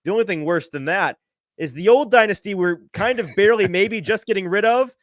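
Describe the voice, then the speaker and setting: A man co-hosting a casual sports talk debate, giving wry, measured opinions. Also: high voice, no echo, clean studio sound.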